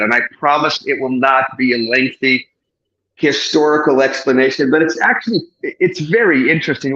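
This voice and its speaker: A man's voice: mid-range voice, fairly bright tone, roomy sound, lo-fi sound. A man, talking as a therapist guest in an effusive, expansive way with frequent restarts. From Portugal. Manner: effusive, expansive, self-correcting. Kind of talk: enthusiastic podcast interview.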